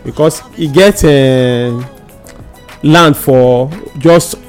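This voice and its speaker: A man's voice: on the high side, very slow, smooth. A man with a Nigerian accent telling anecdotes in Nigerian Pidgin as a guest in a casual radio chat. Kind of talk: animated storytelling in casual radio talk. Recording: music bed under the voice.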